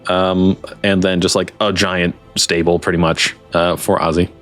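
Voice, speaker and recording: A man's voice: deep voice, flat delivery, normal speed, a bit bright, soft background music. A man working as game master, improvising tabletop game narration in an informal, chatty way.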